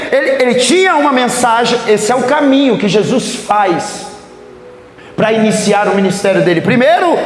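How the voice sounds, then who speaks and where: A male pastor preaching a conference sermon in a church, telling Bible stories and acting out their scenes with a Brazilian accent. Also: high voice. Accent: Brazilian Portuguese. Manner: animated storytelling preacher who acts out biblical scenes. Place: church sanctuary during a conference service. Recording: echoey church hall with faint music.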